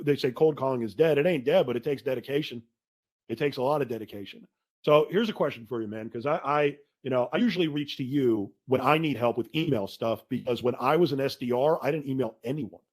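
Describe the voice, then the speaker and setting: A man hosting a casual podcast conversation, telling stories in an animated way and saying "dude" a lot. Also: mid-range voice, a little fast.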